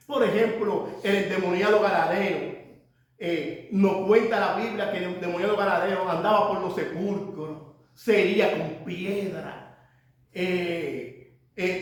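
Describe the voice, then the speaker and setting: A man preaching a sermon as pastor, swinging between loud emphatic cries and quiet, dropped asides. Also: high voice. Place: church hall. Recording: echoey church room from off-mic.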